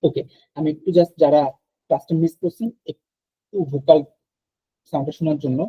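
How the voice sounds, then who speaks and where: A man teaching an online French class, explaining slowly and repeating verb conjugations aloud. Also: on the high side, fairly even intonation, husky, no room sound, dull audio.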